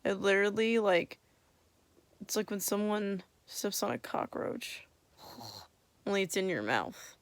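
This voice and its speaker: A young woman talks casually to her vlog after wisdom teeth removal, with a lisp from her swollen mouth. Her voice is creaky and drowsy, at an ordinary pitch, recorded close and dry. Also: animated, measured pace, pauses often, no echo. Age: young adult. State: tired, drowsy from medication. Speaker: vlogger. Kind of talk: casual chat.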